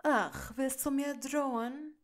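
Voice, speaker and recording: A woman plays a haughty older aristocrat in an audiobook, full of scorn and raising his voice. He speaks slowly and fairly high, each word dripping with contempt. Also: steady tone. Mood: sneering. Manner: loud, sneering, raised voice. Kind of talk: audiobook reading of fan fiction.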